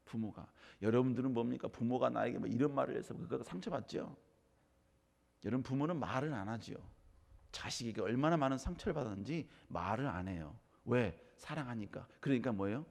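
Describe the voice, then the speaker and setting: A middle-aged male pastor preaching a sermon in a church sanctuary. He speaks emphatically, keeps addressing the congregation directly and swells into shouting. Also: mid-range voice, expressive, brisk, vocal fry. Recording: long hall reverb.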